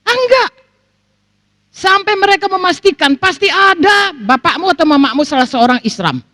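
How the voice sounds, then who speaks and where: A woman's voice: very high-pitched, fairly quick, no echo. A middle-aged woman pastor from Sumatra, preaching a sermon and acting out the people she quotes. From North Sumatra. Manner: animated preaching, acts out quoted voices, keeps addressing the congregation.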